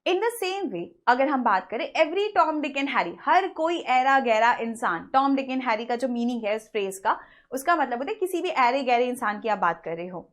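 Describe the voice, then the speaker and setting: Explaining English grammar online in Hindi mixed with English, a woman asks questions and then answers them herself. When she reads example sentences, she slows down. Her voice leans high, animated, with a fairly bright tone.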